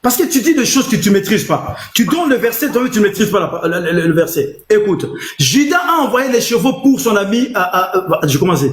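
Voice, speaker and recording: Super high-pitched guy preaching loud in a debate, keeps reading verses, roomy echo. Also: big pitch swings, fairly quick, hardly any pauses, a little hiss or hum. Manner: insistent, loud, reads scripture aloud. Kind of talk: heated debate.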